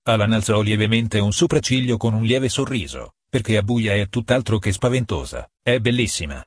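A man reading a novel aloud, calm and measured, partly in the first person. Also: on the low side, breathy edge, no echo, clean studio sound. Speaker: audiobook reader.

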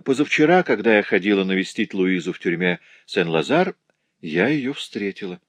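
Cast a man doing a chatty, soft-hearted young working girl for an audiobook, raised and lively over his low natural voice, dry close mic. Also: moderate pace, no room sound. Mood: eager. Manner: eager, emotional chatter. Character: cheerful young working Parisian woman, tender-hearted. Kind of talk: audiobook character voice.

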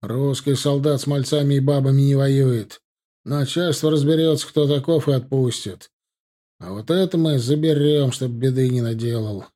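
A man's voice: mid-range voice, moderate pace, dark tone, lightly acted. A man doing a stern, firm soldier.

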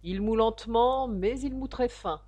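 A woman reading the part of an arrogant, rich young man with a nasal voice, speaking loudly and boastfully. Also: on the high side, a little slow, voice pushed up. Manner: loud, boastful delivery.

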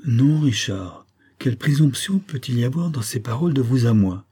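A man voicing a gentle, earnest young woman in an audiobook, pleading softly with a friend. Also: medium pitch, expressive, moderate pace, husky, pitched above the performer's own voice.

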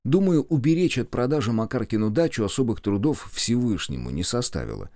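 A man's voice: mid-range voice, sing-song, a little fast, warm tone, dry recording. A man narrating a first-person story with wry, dry humor, recorded close in a studio. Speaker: audiobook narrator.

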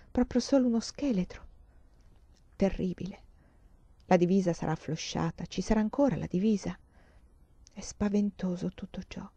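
This woman reads a novel aloud with expressive swings from near-whispers to raised passages, at a mid pitch. The recording is dry and slightly dull, with no room sound. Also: dry recording. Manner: expressive, swings between hushed and loud passages. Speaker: reader of a novel. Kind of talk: audiobook reading of literary fiction.

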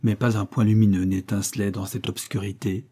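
A man reads an adventure novel aloud in scripted audiobook narration, measured and dramatic. His voice is husky and mellow, with a warm, relaxed tone. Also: fairly low pitch.

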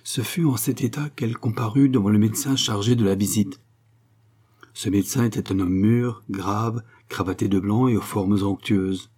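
Low, mellow male audiobook narrator. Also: steady tone, normal speed, slightly rough.

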